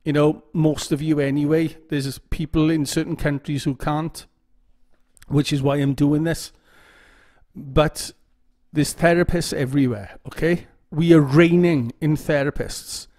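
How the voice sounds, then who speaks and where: A man's voice: fairly high pitch, fairly even intonation, unhurried, darkish tone. A man giving casual instructional talk to camera, often repeating phrases and checking in with "okay?". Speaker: YouTube OCD educator.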